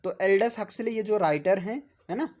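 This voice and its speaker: A man's voice: high voice, moderate pace, a little mellow. A man with a Hindi accent giving a classroom lecture, repeatedly asking "है ना?" and spelling words out for his students. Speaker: teacher.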